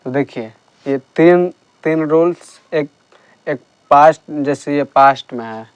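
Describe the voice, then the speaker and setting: Slow, smooth-voiced male teacher. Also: on the high side, no room sound. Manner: slow, patient explaining with repeated checks. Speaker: English teacher. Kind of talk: classroom grammar lesson.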